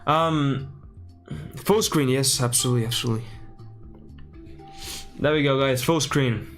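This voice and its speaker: Male streamer, loose live chat, narrates his own fiddling with settings, mid-pitched, faint music underneath. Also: measured pace. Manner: chatty, thinks aloud while fixing settings. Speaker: streamer reacting to a livestream.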